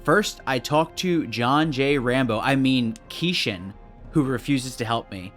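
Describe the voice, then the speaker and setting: A man's voice: mid-range voice, a little slow, fairly bright tone. A man narrating a game video in a scripted, dry and sarcastic way. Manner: dry, sarcastic, mock-suspicious. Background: faint background music.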